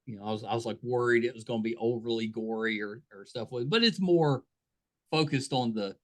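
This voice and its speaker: A podcast host chats with his guest in a casual interview, friendly, talkative and self-deprecating. He speaks briskly in a medium-pitched voice.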